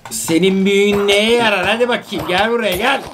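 A man hosting a gaming channel, giving excitable let's-play commentary with loud exclamations and repeated words, playfully scolding the enemies. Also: sits high, normal speed, over music.

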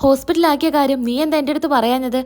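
A woman's voice: high voice, fairly even intonation, very fast, a little mellow, natural voice. A woman voicing a stern scolding grandmother. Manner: scolding, reproachful. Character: stern scolding grandmother, protective of her son.

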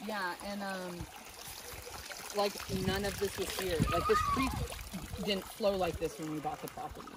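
A woman showing a visitor around her school outdoors, explaining things in a relaxed way, full of "like" and "you know". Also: medium pitch, normal speed, heavy background noise. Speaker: school owner giving a tour. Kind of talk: casual explaining.

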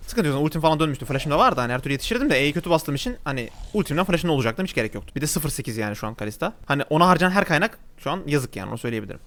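Rapid-fire male gameplay commentator. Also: fairly high pitch, a bit bright. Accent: Turkish. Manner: rapid, chatty, exclaims at the game and the viewers. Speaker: gaming YouTuber. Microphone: desk mic at a gaming setup.

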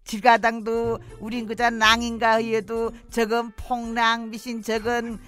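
A woman's voice: fairly high pitch, monotone, unhurried, a bit bright, soft background music. A woman playing a middle-aged Jeju wife in a radio drama skit, speaking with a Jeju accent and rambling wistfully with sighs. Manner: rambling, reminiscing, sighing "aigo".

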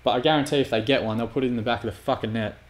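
A man's voice: medium pitch, fairly even intonation, rapid-fire. Male gamer, casual commentary over a football sim, swears and vents often. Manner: frustrated, sweary, exasperated outbursts. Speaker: gaming YouTuber. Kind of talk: football manager game commentary.

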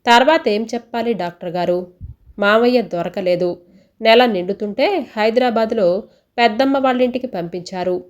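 A woman's voice: a little high, normal speed, lightly acted. A woman voicing a weary young wife who recounts her past in a resigned, bitter way.

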